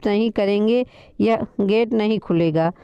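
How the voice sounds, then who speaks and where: A woman voicing a young male boss who calmly insists on an apology, slipping English phrases into his talk. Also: mid-range voice, a little slow, clean tone, dry recording, lo-fi sound, natural voice. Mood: insistent.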